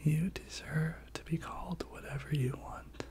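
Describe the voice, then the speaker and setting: A person giving a whispered pep talk in soft, breathy ASMR style, repeating short encouraging phrases. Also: mid-range voice, steady tone, measured pace.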